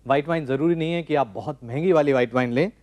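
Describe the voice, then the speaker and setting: A man in his forties hosting a TV cooking show, calmly explaining a recipe step by step from a studio kitchen set. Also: on the high side, racing, no echo. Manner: calm step-by-step instructing. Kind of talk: cooking demonstration.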